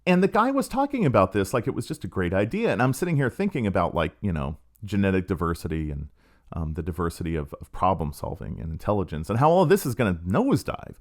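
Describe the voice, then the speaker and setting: Sardonic low-voiced man. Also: very animated, quick pace. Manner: sardonic, storytelling with acted quotes. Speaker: podcast host. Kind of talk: casual monologue.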